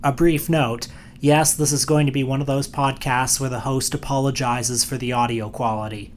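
A man narrates a podcast from a script as its host. His delivery is dry and gently self-deprecating, at a middling pitch, with slight noise behind the voice. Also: steady tone, moderate pace.

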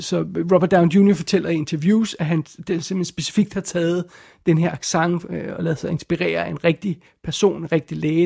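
A man giving an unscripted film review, talking in a halting way with frequent restarts and repeated words. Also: fairly high pitch, vocal fry, darkish tone, breathy edge.

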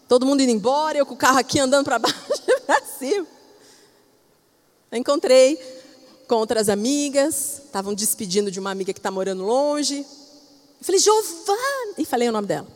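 A woman pastor with a Brazilian Portuguese accent preaching a sermon expressively, moving between loud emphasis and soft, hushed passages. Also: high-pitched. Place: church. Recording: reverberant church hall.

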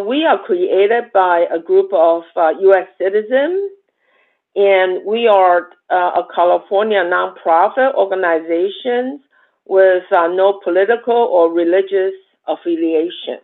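A woman who founded a nonprofit, speaking, slow and full of fillers, answering interview questions. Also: fairly low pitch. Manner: hesitant, many fillers, slow. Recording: tinny phone-like line.

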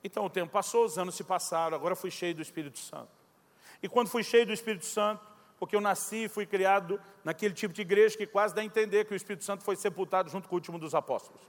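A Brazilian man in his forties preaching with a high, quick voice. He tells a story and acts out the dialogue with lively energy. His voice carries the long reverb of a large church hall. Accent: Brazilian Portuguese. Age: 40s. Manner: animated storyteller acting out dialogue. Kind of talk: sermon storytelling.

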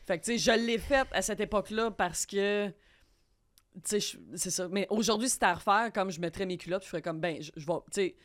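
Québécois woman guest, young, rambling casual chat, middle-pitched voice. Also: a little fast. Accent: Québécois French. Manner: rambling, full of fillers and restarts. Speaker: podcast guest.

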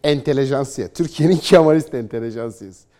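A man's voice: medium pitch, fast talker. A man giving opinionated solo political commentary, sarcastic and combative, mocking opponents with put-on quotes. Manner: reads news passages aloud in a flatter tone.

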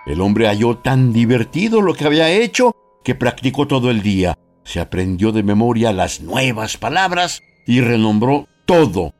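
A Mexican man narrating a storybook on the radio in a measured, expressive way, slowing down for emphasis. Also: mid-range voice.

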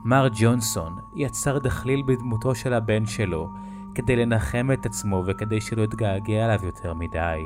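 Slow, low-voiced male horror narrator. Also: music in the background.

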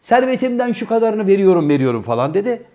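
A man's voice: high-pitched, sing-song, fast, dark tone. A man co-hosting a comedic talk show, moralizing in a mock-indignant, theatrical way. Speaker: co-host. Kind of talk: comedic casual banter.

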